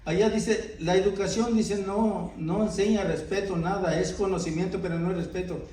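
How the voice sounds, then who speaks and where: Middle-aged male pastor, high voice, earnest sermon, keeps checking in with the congregation, distant from the mic. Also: steady tone, normal speed, a little mellow. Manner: earnest, many rhetorical "¿verdad?" asides. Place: church. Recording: echoey church hall, voice from off-mic.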